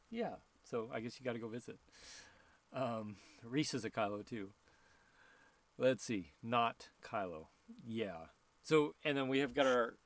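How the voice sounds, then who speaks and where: A man's voice: on the low side, no room sound. A man hosting a casual live stream, rambling, laughing often and reading viewer questions aloud.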